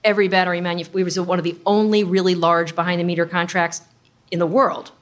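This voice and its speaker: A woman's voice: on the low side, flat delivery, quick pace. A middle-aged woman speaking as a startup founder in an interview, explaining things informally with plenty of industry jargon. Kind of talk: conversational interview storytelling.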